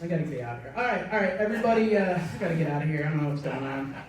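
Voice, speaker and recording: With a low voice and lively intonation, a woman races very fast through her hosting of a live storytelling slam, laughing often and making self-mocking jokes. The stage recording comes from a far-off mic in an echoey room, with the audience and background noise audible.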